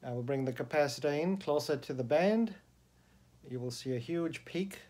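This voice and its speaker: A higher-pitched Australian man, a radio hobbyist, demonstrates his homemade antenna in a casual bedroom video. His intonation is lively, his pace moderate, and his tone somewhat dark, and he holds the handheld camera himself.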